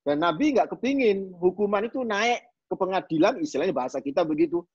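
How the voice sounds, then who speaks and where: Husky East Javanese man teaching hadith. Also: high voice, expressive, fast, darkish tone, no room sound. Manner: conversational, repeats key phrases, often addresses listeners as "Pak". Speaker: religious teacher. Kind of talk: hadith study lecture. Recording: dull lo-fi recording.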